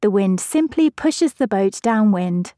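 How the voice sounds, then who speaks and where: The science explainer is scripted, and the woman narrating it speaks in short, even clauses at an unhurried pace. Her mid-range voice is mellow and soft at the edges, captured in a close, dry recording with no room around it.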